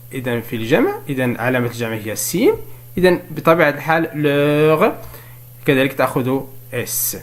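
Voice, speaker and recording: A man gives a French spelling lesson in a different language, walking through it step by step. He poses questions and then answers them himself, and he dictates examples slowly. His voice sits in the mid range.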